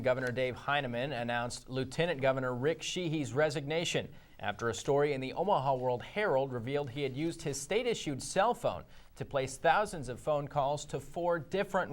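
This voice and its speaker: A man's voice: mid-range voice, moderate pace. A man with an American accent reading scripted news as an anchor.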